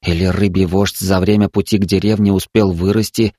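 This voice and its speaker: A man narrates a story in a steady, even manner, his voice sitting on the low side. The sound is dry and close. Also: a little fast, no echo. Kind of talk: audiobook narration.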